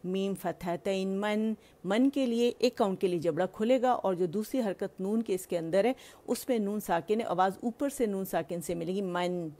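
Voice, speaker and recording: A woman's voice: medium pitch, mellow. A woman teaching Quran recitation. She patiently explains and demonstrates each sound, drilling syllables one by one. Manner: slow, patient, demonstrates sounds and has listeners repeat. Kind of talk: tajweed lesson with drilled syllables.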